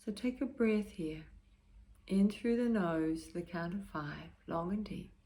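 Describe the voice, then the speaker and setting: In this guided meditation, a woman's lowish voice is soothing, calm and gentle. Each brief phrase is followed by a pause, and its close fades to a soft, breathy finish.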